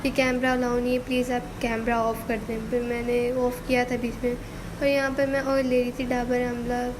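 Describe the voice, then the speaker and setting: High flat-voiced woman with a sore throat. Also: normal speed, noisy background. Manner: chatty, rambling narration with frequent fillers. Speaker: vlogger. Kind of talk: casual vlog voice-over narration.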